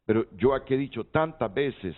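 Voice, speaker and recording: A man from Honduras, a TV talk show host, moderates a panel discussion, asking guests questions and inviting their views with hesitant restarts. His medium-pitched voice has lively intonation and a moderate pace, captured in tinny lo-fi broadcast audio.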